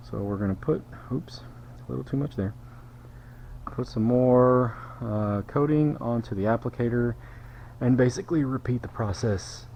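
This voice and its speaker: A man's voice: medium pitch, dark tone, a little hiss or hum. A middle-aged man, casually narrating his car detailing work in a shop, joking with viewers and a little out of breath. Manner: chatty, self-deprecating, jokey asides to viewers. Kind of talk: casual how-to narration while working.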